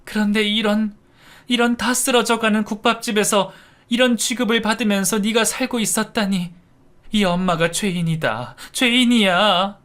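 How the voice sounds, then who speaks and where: A woman's voice: medium pitch, moderate pace, a bit bright, voice pushed up, close to an everyday voice. A man voicing a middle-aged mother who tearfully begs her abandoned daughter's forgiveness in a storybook narration. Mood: tearful pleading. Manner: tearful, pleading. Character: sobbing middle-aged birth mother, remorseful.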